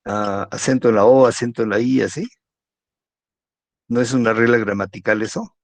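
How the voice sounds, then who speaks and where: A man's voice: medium pitch, steady tone, normal speed, dry recording. A man giving a university lecture in a chatty way, often ending sentences with a question. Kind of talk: online class lecture. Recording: dull lo-fi recording.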